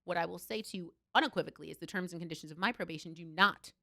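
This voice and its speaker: Brief: former-judge guest, woman, fast and forceful, fired up and emphatic. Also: lowish voice, creaky. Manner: impassioned, emphatic storytelling. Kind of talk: candid interview talk.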